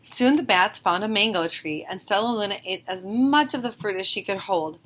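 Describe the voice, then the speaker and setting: A woman's voice: mid-range voice, moderate pace, a bit bright, a little hiss or hum, rough recording. Woman reading a children's story aloud. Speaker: storybook reader. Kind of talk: expressive read-aloud narration of a children's story.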